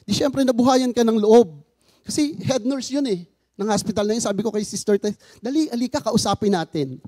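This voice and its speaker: A man with a high yet mellow voice tells a faith testimony about his family, earnest and heartfelt. He acts out the lines of the people he quotes. The sound is close and dry. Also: a little fast, dry recording. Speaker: father sharing a personal testimony.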